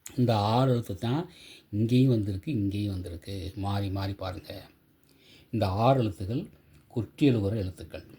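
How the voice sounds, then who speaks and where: A man teaching a grammar lesson, repeating example words slowly for pronunciation practice. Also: fairly low pitch, warm tone, slightly rough.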